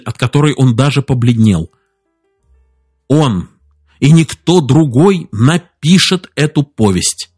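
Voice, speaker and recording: Expressive male storybook narrator. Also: medium pitch. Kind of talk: audiobook reading.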